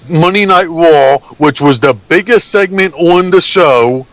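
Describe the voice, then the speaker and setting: Man talking super slow on a sports panel, keeps stalling, dry sound. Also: fairly high pitch, a bit bright, no room sound, poor audio. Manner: halting, searching for words. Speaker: guest panelist. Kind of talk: casual sports talk review.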